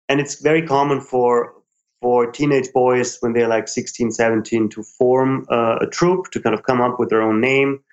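A man's voice: mid-range voice, lo-fi sound. A man with an Austrian German accent, speaking as an interview guest who restarts phrases while searching for words. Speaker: ethnographer. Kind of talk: casual interview.

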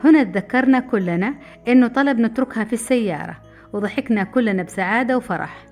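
A middle-aged woman from Saudi Arabia, telling a personal memoir story in a brisk, lively way. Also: on the high side. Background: faint background music.

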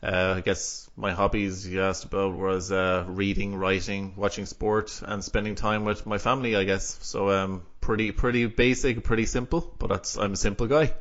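A male podcast host with a west of Ireland accent talks casually. His voice sits at an ordinary pitch for a man. The audio is a little dull and lo-fi. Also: level tone, moderate pace, hardly any pauses, fairly bright tone. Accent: west of Ireland, Galway.

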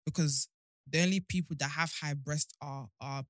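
A young woman with a low voice and fairly even intonation speaks at a normal speed, candid and outspoken, skipping between topics during a casual podcast chat where she is both guest and show host. The recording is dry and clean, with studio sound.

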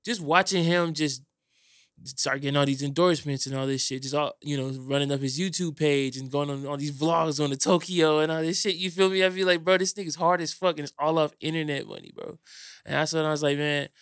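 Mid-twenties guy, a bit higher voice, smooth and clear, dry close mic, says bro a lot. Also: animated, fairly quick, a bit bright, no echo. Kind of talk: casual chat.

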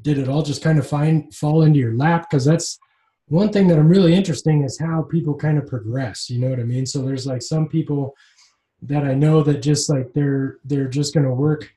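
A male interviewer with a mellow, warm tone talks in a laid-back, informal way. His voice carries a noticeable room echo. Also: fairly high pitch, normal speed. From Northern Arizona. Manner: relaxed, informal, short acknowledgments. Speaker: interviewer host. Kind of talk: casual interview. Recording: roomy echo.

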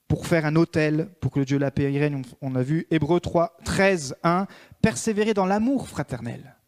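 A man preaching a sermon as a pastor, swinging between emphatic raised peaks and hushed prayerful passages. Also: on the high side.

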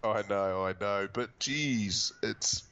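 Male sports co-host, New Zealand accent, forceful bright tone on the low side, loose banter, slightly dull recording. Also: slow, clear, resonant tone. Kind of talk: casual rugby league banter.

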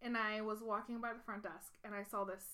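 Bright-voiced woman telling hotel stories. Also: medium pitch, brisk. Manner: animated, laughs often. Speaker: podcast co-host, former hotel worker. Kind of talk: casual storytelling chat.

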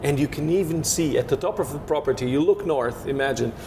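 Speaking fairly quickly, a native Portuguese speaker from Portugal discusses winemaking as an interview guest. His descriptive answers are full of restarts as he looks for words, over a steady hiss and rumble.

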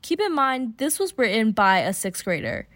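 A young woman hosting and narrating a student news podcast in an even, measured way. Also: on the high side, a little hiss or hum. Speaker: podcast host and reporter. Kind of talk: scripted narration.

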